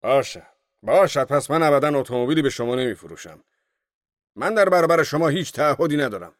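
A man's voice: medium pitch, animated, no room sound, clean studio sound, pitched above the performer's own voice, lightly acted. A man voicing an irritated grown man arguing on a phone, in a raised, annoyed manner, within an audiobook reading.

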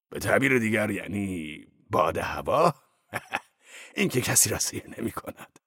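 A man doing a gruff, earthy old rogue. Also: low voice, a bit bright, no room sound, studio quality, full character voice. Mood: mocking. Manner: gruff, teasing, laughing. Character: boisterous, earthy older man, gruff and mocking. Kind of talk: audiobook drama acting.

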